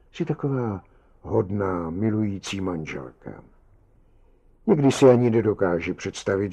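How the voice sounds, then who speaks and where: A guilt-ridden, hot-tempered middle-aged husband, as a male reader acts him out, quick to outrage. His voice is low with a warm, dark tone. It is told as an audiobook story. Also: husky. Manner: agitated, outraged exclamations. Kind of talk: audiobook reading.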